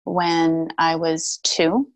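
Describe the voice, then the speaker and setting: A Mandarin-speaking woman in her forties, born in Taiwan and raised in Vancouver, Canada, is a shamanic practitioner appearing as a guest in a casual interview. Her deep voice has little pitch movement and no room sound. She speaks thoughtfully, with many pauses, ums, and restarts.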